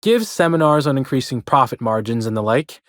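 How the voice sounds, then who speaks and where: A man's voice: medium pitch, animated, a little fast, a bit bright, dry recording, clean studio sound, lightly acted. Man playing a chirpy, folksy old-fashioned American bellhop. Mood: gossipy, chirpy. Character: chatty, folksy old-fashioned hotel head bellhop, male. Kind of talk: video game character dialogue.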